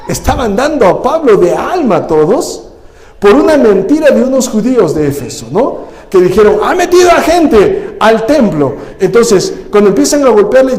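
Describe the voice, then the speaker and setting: A male pastor preaching a lively sermon, often calling his listeners "brother" and asking them rhetorical questions. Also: high-pitched. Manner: animated, addresses listeners as "hermano", rhetorical questions. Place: church hall. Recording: echoey church hall.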